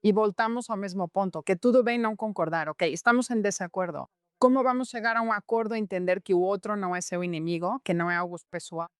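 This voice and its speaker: A woman who teaches the Enneagram talks through personality types in a podcast conversation, patiently illustrating her points with real cases and acted-out quotes. She speaks fast at a medium pitch with a clean tone, on a dry, studio-quality recording.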